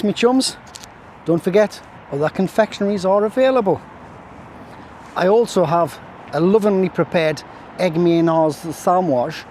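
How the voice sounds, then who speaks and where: A chatty man talks to camera as he fishes on a breezy riverbank, his voice sitting a little high for a man. He rambles easily with jokey, self-mocking asides, and a faint hum of town and traffic sits behind him outdoors. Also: darkish tone. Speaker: angling vlogger. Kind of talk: casual chat to camera while fishing. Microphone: camera on a stand, at times stepping away.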